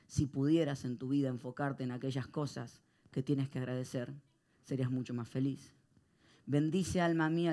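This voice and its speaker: A male pastor, preaching a sermon to a live congregation and swinging between hushed reflection and loud, animated storytelling. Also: mid-range voice.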